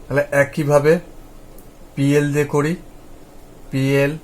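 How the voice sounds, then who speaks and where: A man's voice: a little high, monotone, slow, darkish tone, slight background noise. Patient Bengali man spelling out sounds. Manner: spells letters then repeats the sound, patient and repetitive; often asks "ঠিক আছে?" to check understanding. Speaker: English teacher. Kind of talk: slow spelled-out pronunciation lesson.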